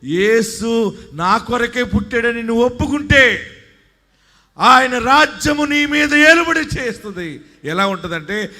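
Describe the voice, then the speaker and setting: High-voiced man preaching in a reverberant hall. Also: animated, unhurried, long pauses. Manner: preaching with shouted rises and call-and-response verse reading. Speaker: pastor. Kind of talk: sermon. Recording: live hall with long reverb.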